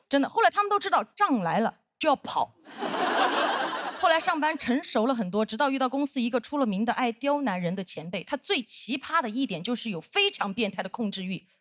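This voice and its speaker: A woman in her thirties performing a stand-up comedy set on stage, telling stories with animated acted-out voices. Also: on the high side, no echo. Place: comedy stage with live audience.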